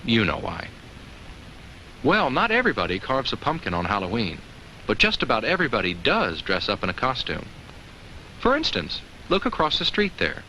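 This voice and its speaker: In a 1980s educational film with a faintly noisy old soundtrack, a man voices a cheerful, kindly talking jack-o'-lantern who gives children simple safety advice. His mid-range voice swoops wildly in pitch at a normal speed, with a bright, forceful tone. Gently cautioning, he keeps things simple and instructive, asking the kids questions and chuckling.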